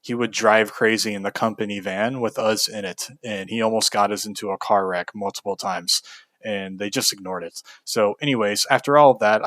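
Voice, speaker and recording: A man's voice: fairly low pitch, fairly bright tone, dry recording. A young man from Kentucky telling a frank, casual story about a bad job, venting with fillers and the odd curse. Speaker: video host.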